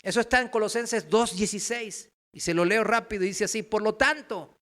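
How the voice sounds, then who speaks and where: A male pastor delivers an impassioned sermon in a high, bright voice. He climbs into loud emphatic bursts and drops to quiet, low asides. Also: a little fast.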